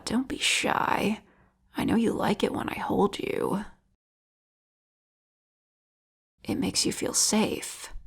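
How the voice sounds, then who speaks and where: Playing a lovesick vigilante killer consumed by obsession, a woman speaks in an intimate audio roleplay at a medium pitch. Her whispery, gravelly delivery is slow and taunting, yet tender and possessive.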